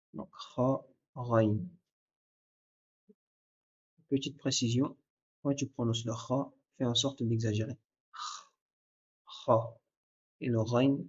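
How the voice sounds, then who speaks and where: A patient man teaches a recorded lesson, speaking straight to the listener and sounding out each letter to show how it is said. His voice is husky and sits in a flat, even pitch. The recording is dull and lo-fi. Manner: patient, addresses the listener directly, repeats sounds to demonstrate. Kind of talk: recorded lesson, explaining step by step.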